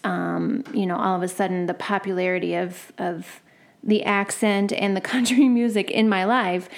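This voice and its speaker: Woman host, loose rambling solo talk, easy laughs, mid-pitched everyday voice. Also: vocal fry. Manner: rambling, chatty, laughs easily, self-deprecating. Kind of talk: casual solo chat.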